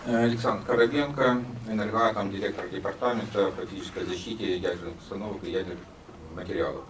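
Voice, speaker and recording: Low, official male director, distant echoey mic. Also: fairly even intonation, fast talker. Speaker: department director. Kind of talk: formal self-introduction. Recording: distant echoey room mic with background noise.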